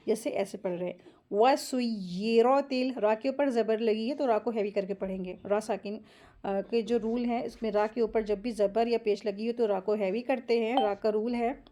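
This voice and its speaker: A woman teaching Quran recitation rules step by step, drawing out each recited word slowly and pausing to check in with her listeners. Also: a little high, mellow. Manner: often checks in with short asides. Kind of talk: tajweed lesson, explaining pronunciation rules.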